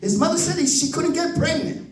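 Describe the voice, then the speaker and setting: Fifty-something guy doing profane standup, high voice, echoey room. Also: a little fast, recorded from a distance. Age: 50s. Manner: profane, animated, acts out voices. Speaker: stand-up comedian. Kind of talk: stand-up comedy storytelling. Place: comedy club stage. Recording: roomy echo, voice from the mic.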